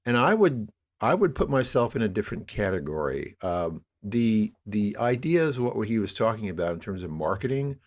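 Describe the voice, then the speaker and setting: Very animated yet moderate in pace, a lowish-voiced man in his sixties from the New York area reflects and wanders discursively as a guest in a conversational interview, where he is introduced as a media producer.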